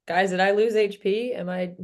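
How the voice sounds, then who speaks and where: A woman's voice: mid-range voice, steady tone, normal speed. A woman with a Canadian accent playing in a tabletop game, joking and laughing often. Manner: playful, laughs a lot, joking. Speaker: player. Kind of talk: casual chat at a game table.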